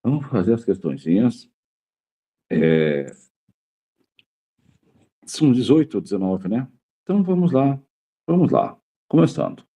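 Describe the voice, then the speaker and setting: A man's voice: mid-range voice, big pitch swings, a little slow, long pauses, dark tone. A male teacher giving a grammar lesson to a class, repeating key words and checking in with the students after nearly every point.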